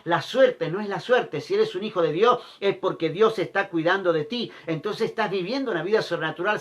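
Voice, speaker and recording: A man's voice: sits high, a bit bright. A male pastor preaching a sermon, repeating key phrases and asking the listeners rhetorical questions.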